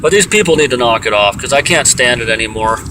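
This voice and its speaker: A man's voice: lively intonation, fast. Angry man on a swearing tirade. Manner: angry, exasperated, explosive swearing. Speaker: aggrieved pet owner venting. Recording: distant mic, loud fan and outdoor rumble. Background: air vent fan, vehicle-like ambience.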